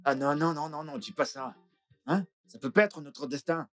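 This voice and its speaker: A man's voice: on the high side, moderate pace, fairly bright tone, lightly acted. An actor playing an indignant younger brother complaining about their father in a dubbed film.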